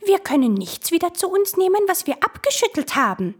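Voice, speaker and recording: A woman voicing mocking, giddy will-o'-the-wisps in a read-aloud fairy tale, with a high, sing-song voice. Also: sing-song, a little fast.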